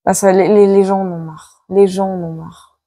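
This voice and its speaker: On a dry recording, a woman with a warm, mid-range voice speaks at a moderate pace and level tone. She's a psychic doing a live tarot prediction video, offering dramatic card readings with repeated words and many exclamations, clearly worn out by the heat.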